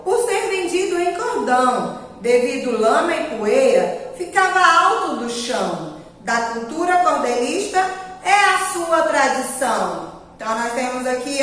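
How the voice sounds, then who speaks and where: A woman primary school teacher with a high, fairly bright voice and a Brazilian Portuguese accent teaches young children a grammar lesson, stretching her words in a sing-song way. The recording is echoey, with her voice coming from a distance.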